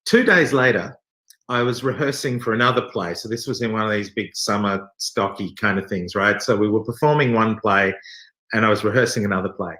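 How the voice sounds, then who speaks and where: Talking a little fast, a man in his forties with a lowish, bright, forceful voice shares animated anecdotes as an interview guest. He's a theater actor, joking and poking fun at himself in casual chat, recorded with roomy, echoey sound.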